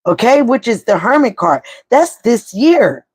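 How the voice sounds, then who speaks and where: A woman's voice: on the high side, big pitch swings, unhurried, a little mellow, husky. A middle-aged woman giving a live tarot reading, talking straight to viewers in a blunt pep-talk way and swearing casually. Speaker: tarot reader.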